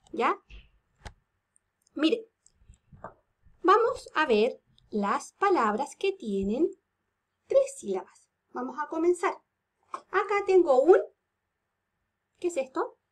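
A woman teaches little children from home in a high, bright voice. She takes her time, leaning into a sing-song lilt and stretching each word into its syllables. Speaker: kindergarten teacher. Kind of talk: remote lesson for young children.

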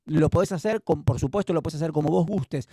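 A man teaches drums in an online video-call class, his slightly high, warm voice carrying a breathy edge and moving at a quick pace. Explaining with patience and encouragement, he has a Rioplatense Spanish accent, and the recording is dry and studio-clean.

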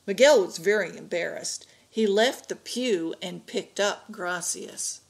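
A woman reading a picture book aloud to an adult learning class, slow and expressive. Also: medium pitch, gravelly.

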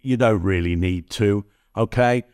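A man with a slightly low voice runs a brisk tutorial straight to camera, speaking as a body language expert. He is recorded on an expensive studio microphone with a dry, close sound and no room echo. He keeps pulling the viewer in with an "okay?". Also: clear, resonant tone. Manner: energetic, addresses viewer directly, frequent "okay?" tags. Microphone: high-end studio microphone.

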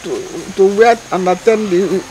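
A woman's voice: medium pitch, a little slow, warm tone, slight background noise, natural voice. A woman playing a poor, humiliated village mother who speaks in a weary, plaintive way, in a Nollywood film. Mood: distressed.

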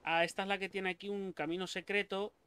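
A young man with a Spain Spanish accent giving let's play commentary, excitable and swearing a lot as he talks to the game characters. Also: sits high, fairly quick, clean tone. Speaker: gaming YouTuber.

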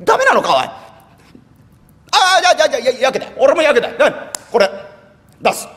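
A man voicing a brash, rough-spoken townsman who haggles pushily and gets excited. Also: very high-pitched, quick pace, voice pushed up, heavily acted. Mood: pushy. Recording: reverberant live hall.

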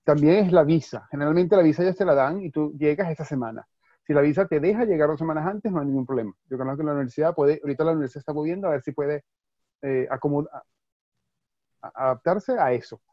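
A man's voice: on the high side, fast talker, dry recording. A man from Venezuela with a Venezuelan accent, a university advisor answering questions in a webinar, reassuring and slipping in English words. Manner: reassuring, mixes in English words, restarts often. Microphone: video call. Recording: dry, slightly dull video-call audio.

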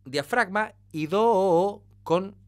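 A man's voice: high-pitched, very slow, darkish tone. A man working as a vocal coach, reacting to a singing clip and breaking into sung demonstrations as he explains. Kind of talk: reaction video analysis of singing.

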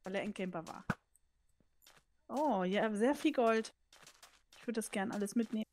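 A woman's voice: mid-range voice, lively intonation, moderate pace, darkish tone, slight background noise. A woman co-hosting a let's play on a headset, playful and laughing, with dramatic cries for help. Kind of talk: casual gaming chat.

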